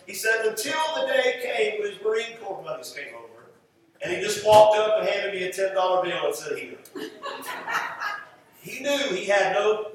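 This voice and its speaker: A high-pitched male preacher gives a conversational sermon, repeating phrases for emphasis as he goes. He's in an echoey church room, recorded from a distant mic, so the sound is very roomy and echoing with faint noise.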